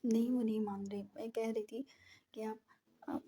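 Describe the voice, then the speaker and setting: A woman's voice: a little high, flat delivery, normal speed, vocal fry, mellow, a little hiss or hum. Woman voicing a shy, frightened young wife. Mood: hesitant. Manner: hesitant, pleading.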